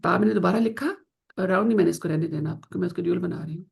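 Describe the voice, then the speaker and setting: A woman teaching Quranic Arabic grammar in an online class, explaining in Urdu mixed with English and slowly drawing out the Arabic example words. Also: on the low side, vocal fry. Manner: slow drawn-out pronunciation of Arabic example words, asks students to confirm.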